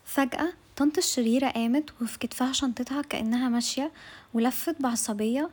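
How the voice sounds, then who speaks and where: A woman with an Egyptian accent hosts a podcast, telling a comic diary of office life in a chatty, sarcastic way with asides to her listeners. Her voice is high, steady, fast, a little mellow, and slightly rough.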